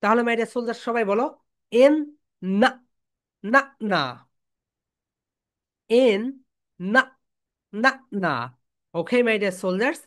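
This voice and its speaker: Slow, higher-voiced woman drilling phonics. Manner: call-and-response drilling, repeating sounds slowly; calls students "my dear soldiers". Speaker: English teacher.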